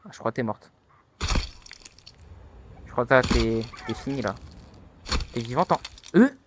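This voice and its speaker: A young man giving casual let's-play commentary, taunting and excitable, with sudden high-pitched yelps. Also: unhurried, background noise. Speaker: gaming youtuber.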